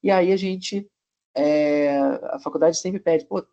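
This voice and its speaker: A man with a Brazilian Portuguese accent giving a live online college class, relaxed, with many tag questions and restarts. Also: on the high side, slow, gravelly. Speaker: college lecturer. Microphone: video call. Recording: muffled lo-fi video call audio.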